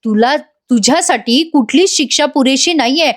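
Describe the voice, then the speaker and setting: A woman's voice: sits high, normal speed, lightly acted. A woman reading an accusing wounded mother. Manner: cold, accusing.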